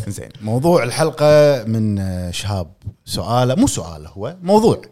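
A man's voice: medium pitch, normal speed. A man, chatting enthusiastically on a podcast. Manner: animated, enthusiastic. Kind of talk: casual podcast chat.

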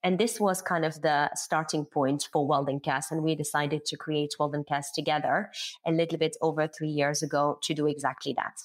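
A woman's voice: deep voice, fairly even intonation, moderate pace. A middle-aged woman from Morocco, a company co-founder, telling her career story as an interview guest. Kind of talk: interview conversation.

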